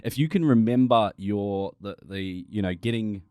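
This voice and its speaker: A man's voice: lowish voice, moderate pace, darkish tone, smooth, no echo, clean studio sound. An Australian man hosting a podcast interview, laid-back and casual, with lots of "yeah, yeah" backchannels and the odd swear.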